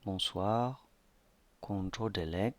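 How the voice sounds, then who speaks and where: A man narrating a slideshow language lesson slowly, with many hesitations. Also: deep voice. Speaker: language teacher.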